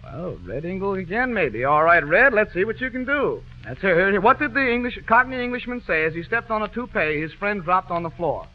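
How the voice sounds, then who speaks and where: Radio host, man, high voice, jokey old-time quiz patter, muffled lo-fi broadcast sound. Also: animated, fairly quick, hardly any pauses. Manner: jokey, bantering with the band.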